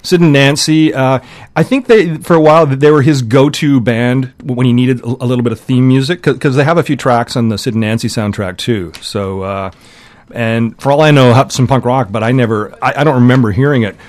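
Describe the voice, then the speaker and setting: Rambling man on the radio. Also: mid-range voice. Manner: relaxed, rambling, halting with fillers. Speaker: radio guest, music countdown curator. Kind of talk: casual radio chat. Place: radio studio.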